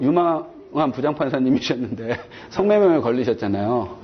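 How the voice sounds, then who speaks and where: A man's voice: on the high side, slight background noise. A man giving a chatty classroom law lecture, digressing and checking in with his students. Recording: dull lo-fi lecture recording.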